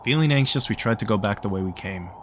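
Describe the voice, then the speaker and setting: A man's voice: lowish voice, expressive, fast, slight background noise. A man reading a visual novel's text aloud for a let's play, narrating plainly and stopping now and then to joke and laugh. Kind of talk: reading game text aloud with casual asides.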